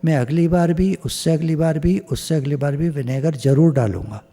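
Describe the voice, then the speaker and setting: A man with a mellow, slightly high voice gives a chatty spiritual satsang talk over a video call. He piles up repeated phrases in lists, and his throat sounds a bit scratchy. His voice trails in a long reverb. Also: normal speed. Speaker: spiritual teacher. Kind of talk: satsang discourse.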